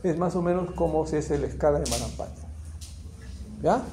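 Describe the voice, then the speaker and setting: A man's voice: a little high, moderate pace, mellow. A middle-aged man teaching an anesthesiology class, who keeps checking in with his students by asking whether they follow. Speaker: anesthesiology lecturer. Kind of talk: classroom lecture. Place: lecture room. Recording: echoey classroom with faint background noise.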